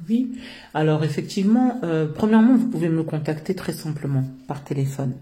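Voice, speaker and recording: Hesitant woman speaking in a mellow voice. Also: low voice, a little fast. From France. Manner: hesitant, many filler sounds, earnest. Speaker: founder of a social work business. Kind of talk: interview answers.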